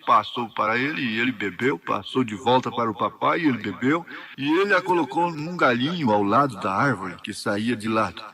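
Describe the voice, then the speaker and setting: A man with a Brazilian accent interpreting a sermon line by line, steady and faithful. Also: mid-range voice.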